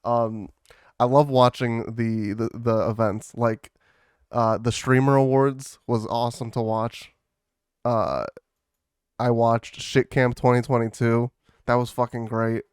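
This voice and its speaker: Smooth-voiced man in rambling casual chat. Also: medium pitch, flat delivery, unhurried, dry recording, studio quality. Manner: rambling, lots of fillers and swearing. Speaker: podcast co-host.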